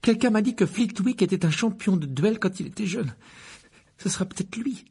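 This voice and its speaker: A man's voice: high voice, expressive, normal speed, creaky, a little mellow, husky, pitched above the performer's own voice, heavily acted. A man voicing a clever, eager schoolgirl witch in a storybook reading.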